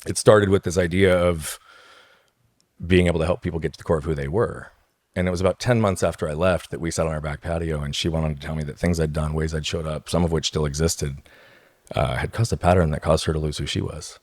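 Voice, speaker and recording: A man's voice: a bass voice, fairly even intonation, fast, darkish tone, no echo. A man speaking as a guest on an interview podcast, telling his story emphatically and often checking in with "right?". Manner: emphatic, tags points with "right?".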